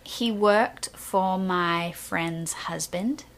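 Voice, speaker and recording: A young woman tells her story in casual conversation, slipping into each person's voice as she goes. Her tone is bright and forceful. Her voice sits slightly low. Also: drawn-out words. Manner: lively storyteller who acts out dialogue, laughs often. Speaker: guest. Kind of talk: casual interview chat.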